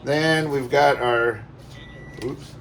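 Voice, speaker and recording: Extremely slowly and in a medium pitch, a home cook leads a cook-along, guiding viewers through a recipe with folksy charm, playful exclamations, and sound words. Faint background noise and a distant mic mark the recording.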